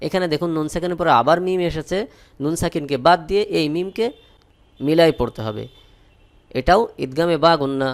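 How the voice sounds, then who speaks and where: A man with a Bangladeshi Bengali accent teaching Quran reading, spelling out each letter and vowel mark, then chanting the verses slowly. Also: on the high side. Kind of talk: slow spelled-out Quran recitation lesson.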